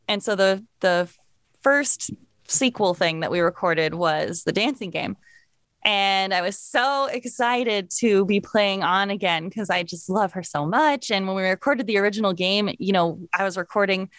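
A woman's voice: medium pitch, a bit bright, dry recording, studio quality. A woman in her thirties, a voice actress guest, telling anecdotes in a bubbly way and acting out quotes. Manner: bubbly, laughing, acts out quotes. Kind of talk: casual interview storytelling.

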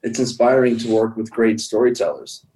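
A man talking as an interview guest, explaining things in a measured way. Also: lowish voice, mellow, low-quality recording. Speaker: guest, visual effects professional. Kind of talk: casual interview chat.

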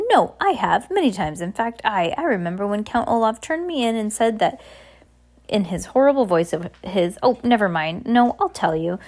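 A woman voicing a hyper, blustering male submarine captain in a children's storybook, rambling, exclaiming and contradicting themselves. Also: mid-range voice. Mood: indignant, boastful. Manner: rambling, self-contradicting, exclamatory rapid-fire talk. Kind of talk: children's storybook read aloud.

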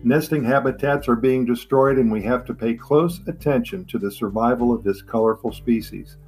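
A man's voice: mid-range voice, moderate pace, a little mellow. A man narrating in a nature documentary style as a podcast host, with enthusiastic, promotional delivery. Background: plucked guitar music.

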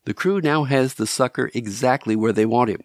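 A man hosting a podcast, reading scripted narration in a measured storytelling way, addressing the listener directly. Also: mid-range voice, no echo, clean studio sound. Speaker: podcast host.

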